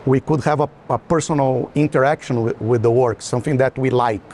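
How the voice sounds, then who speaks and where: A man with a mid-range, slightly mellow voice speaks steadily and a bit fast as an art collector in informal conversation on an art fair walking tour. He hesitates and restarts his phrases often, with the noise of a busy hall behind him.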